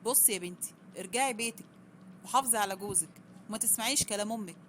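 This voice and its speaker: Woman reader doing a firm Egyptian dad, scolds calmly, brisk, faint hiss behind. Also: mid-range voice, natural voice. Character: stern middle-aged father, calm and fair.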